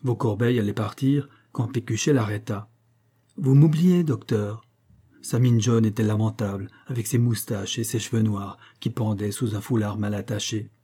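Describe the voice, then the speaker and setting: A man narrating an audiobook in a measured, even literary reading. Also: fairly low pitch, husky.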